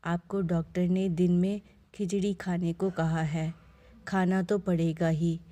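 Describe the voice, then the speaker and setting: Woman doing a calm young daughter-in-law, soft obliging answers, slow. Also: fairly low pitch, close to an everyday voice.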